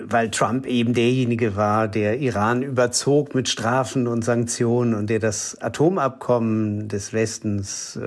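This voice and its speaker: A man speaks as an expert guest on a news podcast. His voice is a bit husky. He explains in a measured way and pauses with small hesitations. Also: fairly low pitch. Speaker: correspondent guest. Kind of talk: expert commentary in an interview.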